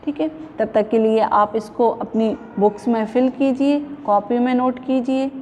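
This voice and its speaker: A woman's voice: fairly high pitch, level tone, unhurried, darkish tone, big-room sound, a little hiss or hum. A woman teaching young children a grammar lesson, patiently asking the class questions and repeating each answer. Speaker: primary school teacher.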